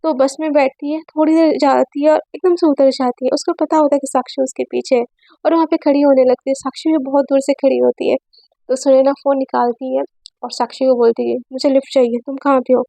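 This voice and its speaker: A woman narrates a romance in an easy, chatty way, peppering it with English words. Her voice sits high with a creaky edge and a mellow, soft tone. It is recorded close and dry. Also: steady tone, fairly quick, no echo. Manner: chatty, mixes in English words, frequent filler asides. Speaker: storyteller. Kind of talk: casual spoken storytelling.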